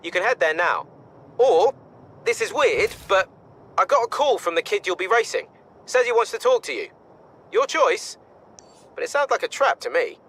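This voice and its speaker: An actor playing a brash, wary young race coordinator in a video game, briefing informally and punchily. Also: male voice, high-pitched, very animated, moderate pace, long pauses, fairly bright tone, full character voice.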